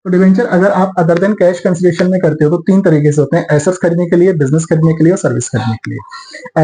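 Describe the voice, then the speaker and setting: A man teaching accountancy in a classroom lecture, explaining step by step, mixing English terms into Hindi in an Indian accent and slowing down to dictate entries. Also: on the high side, mellow, poor audio. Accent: Indian English terms mixed into Hindi.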